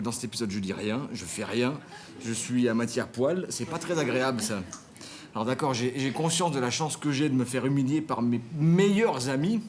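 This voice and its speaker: A man playing an aggrieved, meek friend who complains haltingly in a comic radio play. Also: medium pitch, close to an everyday voice. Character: aggrieved, hesitant, humiliated slave-playing friend. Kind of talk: comic radio fiction acting.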